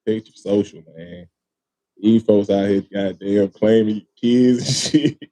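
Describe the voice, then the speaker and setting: A man's voice: fairly low pitch, a little slow, warm tone. A man hosting a casual podcast, telling a long story with lots of swearing, laughter and "man" and "bro" thrown in. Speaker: podcast host.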